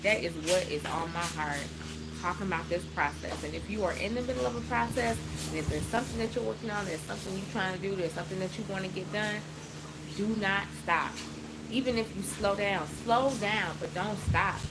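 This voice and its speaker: Chatty woman vlogging outdoors, birds loud. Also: mid-range voice, brisk. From United States, Trinidadian parents. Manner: chatty, earnest, addresses viewers as y'all. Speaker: vlogger and workshop host. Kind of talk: casual motivational vlog. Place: outdoor balcony at dusk. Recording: outdoor phone video with loud ambient noise. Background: birds chirping and kids playing.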